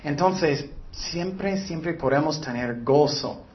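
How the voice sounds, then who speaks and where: Male preacher; earnest sermon with rhetorical questions, slightly raised pitch, dull lo-fi recording. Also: slow.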